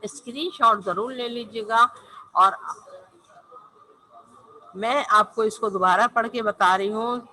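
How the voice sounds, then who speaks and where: Slow, very bright-voiced woman teacher. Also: on the high side, slight background noise, rough recording. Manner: patient, repeats and spells out each letter. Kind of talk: online language lesson.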